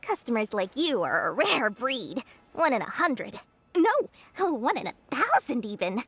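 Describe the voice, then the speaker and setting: A woman voicing a greedy young merchant in a video game who flatters customers in a smooth sales pitch. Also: a little slow, dry recording, full character voice. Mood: flattering.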